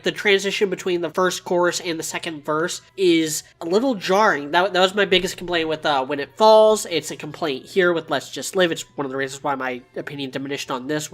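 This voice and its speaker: A woman with a notably low voice co-hosts a casual chat. She explains her views in a measured, analytical way, using fillers like "like" and "uh". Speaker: podcast co-host.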